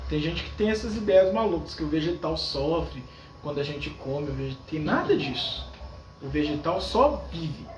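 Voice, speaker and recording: A man with a Brazilian accent, a priest preaching a sermon, explaining his points and often asking his listeners questions. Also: high-pitched. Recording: echoey, from far off, faint background noise.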